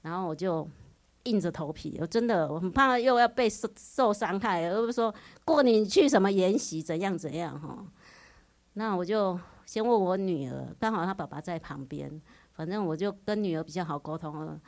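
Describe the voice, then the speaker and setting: A woman in her forties with a Taiwanese Mandarin accent shares a personal religious testimony before a retreat group. Her voice sits slightly low for a woman, and she speaks earnestly and emotionally, sprinkling her story with frequent interjections. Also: lively intonation, moderate pace. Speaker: retreat participant giving testimony.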